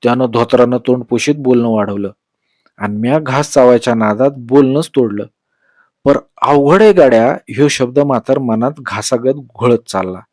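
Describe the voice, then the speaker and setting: A man telling a story aloud, with measured, expressive narration in a rural dialect. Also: mid-range voice, no room sound, studio quality.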